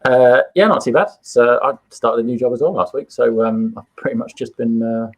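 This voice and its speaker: An English man appearing as a guest on a fan podcast, speaking in a measured, hesitant way with many fillers. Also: medium pitch, poor audio. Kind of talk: casual fan podcast chat.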